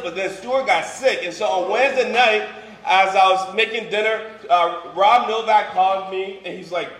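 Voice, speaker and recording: A Liberian-born man in his twenties or thirties, who moved to Boston at thirteen, preaches informally as a campus minister in a high, fairly bright voice. He's conversational and joking, sprinkling in "you know" and "right" as he addresses a live congregation in a large room with some ambient noise. The recording is echoey, with faint background noise.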